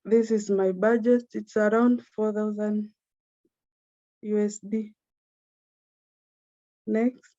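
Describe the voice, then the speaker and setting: Woman reading a flat, formal presentation. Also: mid-range voice, slow, long pauses, no echo, dull audio. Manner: steady, formal, list-like delivery.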